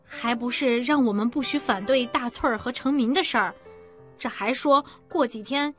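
An actress playing a sharp-tongued middle-aged wife in an audiobook drama, quick to retort. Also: female voice, on the high side, soft background music, lightly acted. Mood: snappish. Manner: retorting, snappish. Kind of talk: audiobook radio-drama acting.

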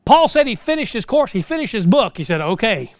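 In a small church sanctuary, a middle-aged American pastor delivers an informal, folksy sermon packed with rhetorical questions and exhortation. His voice is extremely high and very animated, a little fast, with no echo.

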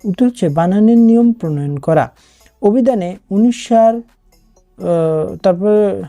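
A woman's voice: mid-range voice, warm tone. A woman with a Bangladeshi Bengali accent, working through exam prep questions as a tutor, reading each question and then giving its answer. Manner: reads questions then gives answers, with some restarts.

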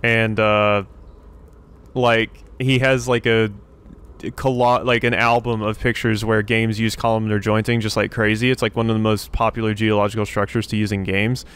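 A gaming YouTuber with a fairly low, level, slightly bright voice gives casual let's-play commentary at normal speed. He rambles as he thinks aloud and often repeats his phrases. The clean recording has faint game ambience behind it.

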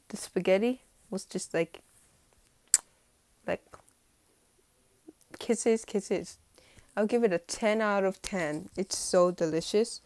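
A woman's voice: mid-range voice, darkish tone. A woman filming a rambling, chatty vlog update in her bedroom at home, with the hiccups. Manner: rambling, chatty, lots of fillers. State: has the hiccups. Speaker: vlogger.

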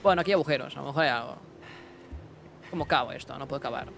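A young man giving casual let's-play commentary, excitable, talking to himself and his chat with bursts of yelps. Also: mid-range voice, rapid-fire, gravelly, music in the background. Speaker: gaming streamer.

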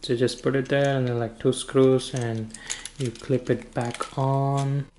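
A man giving a casual hands-on product demonstration, halting and informal as he thinks aloud. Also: mid-range voice, little pitch movement, a little mellow, slight background noise. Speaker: product reviewer. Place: indoor room with wooden floor.

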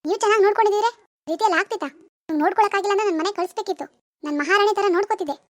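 A woman's voice: very high-pitched, rapid-fire, no room sound. A woman voicing a furious middle-aged mother in a cartoon who accuses her daughter's in-laws. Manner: accusing, shouting blame. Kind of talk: animated cartoon voice acting.

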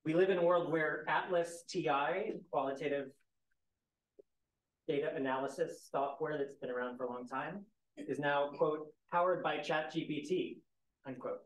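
A man's voice: a little high, fairly even intonation, moderate pace. Man introducing a panel in an echoey hall. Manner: reads bios with light asides and self-deprecating humor. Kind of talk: formal speaker introductions at a university panel. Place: university lecture hall.

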